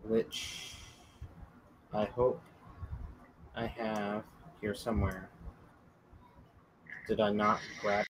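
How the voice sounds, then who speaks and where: A man's voice: lowish voice, little pitch movement, drawn-out words, long pauses, breathy edge, poor audio. A man narrating as game master in a tabletop game over voice chat, talking casually and rambling with fillers.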